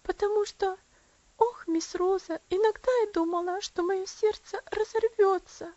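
A woman's voice: very high-pitched, steady tone, unhurried, mellow, no room sound, highs cut off, pitched above the performer's own voice. A woman voicing an earnest, tender little girl in an audiobook, speaking eagerly and from the heart. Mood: eager, heartfelt. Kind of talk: audiobook character voice.

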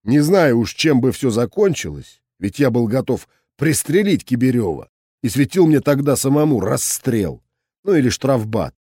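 A man's voice: medium pitch, normal speed, slightly rough, dry recording, studio quality. Dramatic male audiobook narrator. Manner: dramatic, expressive reading. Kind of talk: scripted narration.

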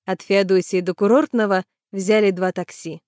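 Expressive woman audiobook narrator, dry sound. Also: mid-range voice, moderate pace, no echo. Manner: lively, expressive reading.

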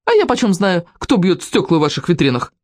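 A sly little schoolboy from a storybook, played by a reader whines and pleads in a raised, lively voice. The sound is close and dry. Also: medium pitch, fairly quick, dry recording. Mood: pleading. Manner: whining, pleading. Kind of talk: audiobook character voice.

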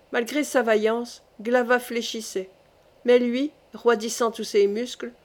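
A woman reading a prehistoric adventure novel aloud in a measured storytelling manner. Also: fairly high pitch. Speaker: audiobook reader. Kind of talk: scripted narration of a novel.

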